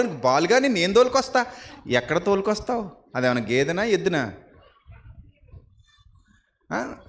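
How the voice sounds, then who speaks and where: A male pastor from the Godavari region of Andhra Pradesh, preaching a sermon and pressing the congregation with repeated rhetorical questions. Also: high-pitched.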